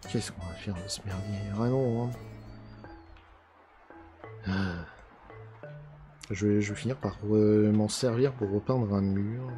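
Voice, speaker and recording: A man's voice: mid-range voice, gravelly, mellow. A man hosting a card unboxing in casual commentary, chatty and grumbling with a mock-angry edge.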